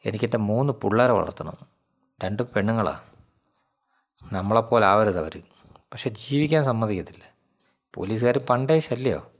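A man voicing a grieving middle-aged woman giving halting, shaken testimony in a storytelling reading. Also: on the low side.

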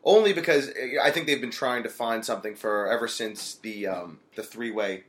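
A man sitting on a casual podcast panel, his voice bright and clear. He shares his opinions thoughtfully, sometimes restarting a phrase as he finds his words. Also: on the low side, normal speed.

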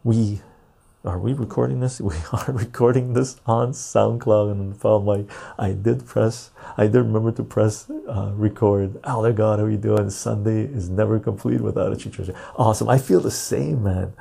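A man hosting a casual live stream in a laid-back, jokey way, with a gravelly, husky voice, recorded on a clip-on lapel mic. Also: fairly low pitch, fairly even intonation, normal speed, mellow. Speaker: live stream and podcast host. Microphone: lapel mic clipped on.

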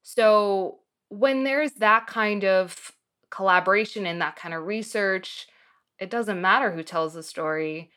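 A woman's voice: mid-range voice, a little slow, bright, forceful tone. A woman from Morocco who teaches film students, speaking thoughtfully in a radio interview.

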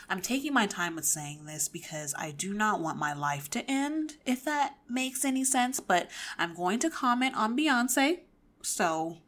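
A woman's voice: medium pitch, a bit bright. A woman in her twenties hosting a podcast, giving casual pop-culture opinions in an emphatic, opinionated way with frequent restarts. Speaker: podcast host.

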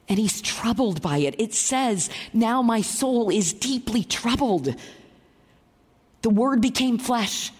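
A woman preaching a sermon, explaining scripture with emphatic, teaching delivery and a husky voice. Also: fairly high pitch, a little mellow, long reverb tail.

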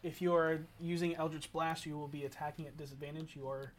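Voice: mid-range voice, steady tone, quick pace. A person casually explaining rules and helping narrate at a tabletop game. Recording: faint background noise.

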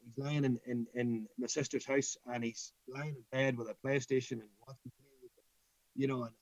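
A man's voice: medium pitch, little pitch movement, moderate pace, no echo, muffled recording. A middle-aged man with a Northern Irish accent, talking anecdotally in an interview as a coach, emphatic and given to repeating his phrases. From Northern Ireland. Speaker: school football coach.

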